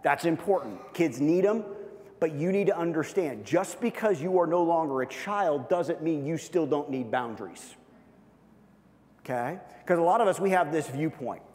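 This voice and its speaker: A man's voice: fairly high pitch, expressive, normal speed, darkish tone. A man preaching a sermon as a pastor, emphatic, checking in with a repeated "okay?" after each point. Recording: long reverb of a large hall.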